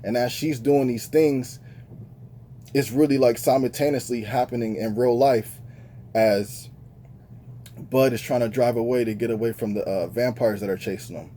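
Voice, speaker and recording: A man's voice: mid-range voice, fairly even intonation, normal speed, mellow, slight background noise. A man giving a casual, slang-filled movie review with lots of fillers, talking straight to his viewers. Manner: laid-back slangy talk, many fillers.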